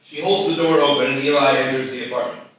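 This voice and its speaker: Reading stage directions aloud at a live script reading, this man has a bright, mid-range voice with fairly even intonation and a quick pace. The distant mic picks him up in a very echoey hall with some ambient noise around him.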